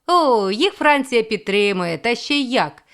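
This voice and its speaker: A woman voicing a lively, impatient grey-haired male landlord with quick exclamations. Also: fairly high pitch, clear, resonant tone, pitched above the performer's own voice, full character voice.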